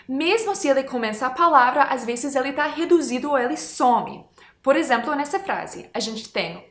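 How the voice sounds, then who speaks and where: Female pronunciation teacher, high voice, casual lesson tone, echoey room. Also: a bit bright. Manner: light laughing, slow modelled example words.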